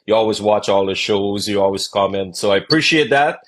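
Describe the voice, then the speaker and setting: A man from Guyana hosting a relaxed business interview, often repeating words as he starts a sentence. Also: fairly low pitch, fairly quick. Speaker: host. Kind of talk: casual interview chat. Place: Toronto, Canada.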